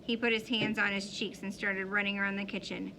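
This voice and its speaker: A woman reading a story aloud in an expressive way. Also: mid-range voice, a little fast, slight background noise, rough recording. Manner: expressive, shifting into character voices. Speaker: audiobook reader. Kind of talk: storybook read-aloud narration.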